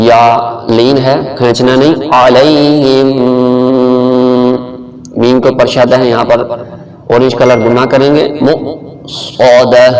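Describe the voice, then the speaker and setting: A man's voice: medium pitch, vocal fry, darkish tone. Man chanting and teaching, distant mic. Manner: chants verses slowly and melodically, then explains rules in quick speech. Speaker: Quran tajweed teacher. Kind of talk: word-by-word recitation lesson.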